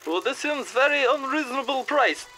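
A woman's voice: sits high, animated, normal speed, sharp tone, soft background music. A woman voicing a confused male customer with broken English who takes everything literally. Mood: indignant. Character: confused foreign male print-shop customer.

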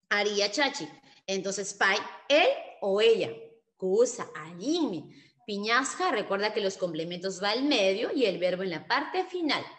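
Woman, language teacher, bright clear tone, slow careful delivery. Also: medium pitch. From Peru. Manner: slow, drawn-out model pronunciations with patient explanations; sprinkles encouraging Quechua words into Spanish. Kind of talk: online language lesson.

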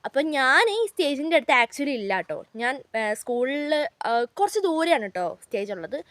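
A woman's voice: high-pitched, big pitch swings, brisk, fairly bright tone, no room sound. A young woman, chatting to her viewers as she tells a story from her school days on her vlog. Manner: chatty, keeps addressing viewers as guys. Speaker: vlogger.

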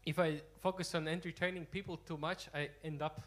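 A young Latvian man, a singer-guitarist, chats with a theater audience between songs into a stand mic while guitar plays behind him. He speaks a little fast with fairly even intonation in a fairly high, slightly bright voice, sounding hesitant and self-deprecating with plenty of ums.

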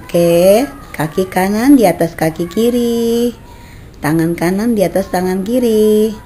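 A woman leads children through simple exercises, her voice in an ordinary middle pitch. She gives slow, patient, step-by-step cues. It is caught on a camera mic on an outdoor veranda. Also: dark tone, slight background noise. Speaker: brain gym instructor.

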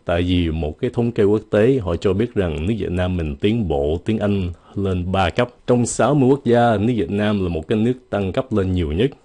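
A man whose first language is Vietnamese teaching English pronunciation in a casual video lesson, stretching out model words slowly. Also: low-pitched, dark tone. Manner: slow, drawn-out model words.

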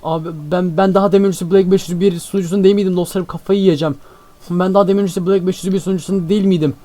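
A man's voice: high voice, steady tone, racing, mellow. A man giving frantic gameplay commentary, repeating himself and talking straight to his viewers as friends. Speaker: Minecraft gameplay streamer.

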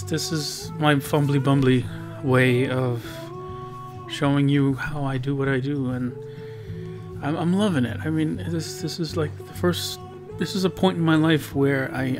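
A man with a fairly high, steady, unhurried voice narrates his digital painting for a video he hosts. His talk rambles, heavy with fillers and restarts and self-mocking remarks, against background guitar music.

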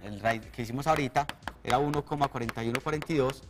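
A man's voice: mid-range voice, racing, long reverb tail, faint music behind. A man, a math teacher, explaining a method step by step on a televised lesson. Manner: explanatory, steady, asks for agreement.

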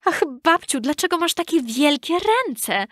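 A woman's voice: sing-song, measured pace, no echo, clean studio sound, full character voice. A woman doing a frightened little girl. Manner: high, bright childlike voice. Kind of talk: storybook reading.

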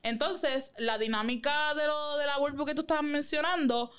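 A woman's voice: high-pitched, steady tone, normal speed, fairly bright tone. A Puerto Rican woman co-hosting a podcast in casual chat, sassy and slangy, mixing in English phrases. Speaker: podcast co-host.

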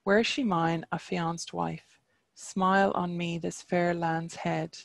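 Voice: mid-range voice, flat delivery, slow, vocal fry, no room sound. A reader voicing the male warrior hero Cuchulainn, reciting archaic verse in a chant-like manner. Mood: pleading. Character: legendary young male Irish hero, defiant warrior.

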